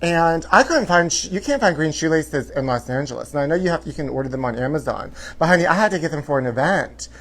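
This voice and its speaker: A man's voice: on the high side, animated, fast talker, few pauses, fairly bright tone. Sassy, campy male livestream host. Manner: sassy, campy drag-queen-like delivery. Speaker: host of a live tabloid gossip show. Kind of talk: casual livestream chat to viewers.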